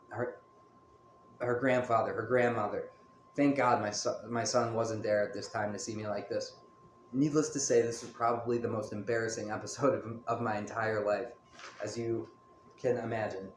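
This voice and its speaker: A man's voice: lowish voice, roomy sound, a little hiss or hum. A man telling a personal story in a casual, candid monologue, full of fillers. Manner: candid, rambling, many fillers.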